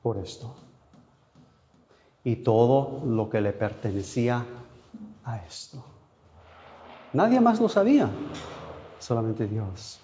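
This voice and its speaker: A male preacher delivers an emotional sermon at an unhurried pace. His voice is mellow and dark, falling soft and low before lifting again with feeling. The recording is dull and lo-fi. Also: animated. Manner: emotional, swings between soft and loud with long pauses; non-native Spanish, asks how to say a word. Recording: dull lo-fi sound.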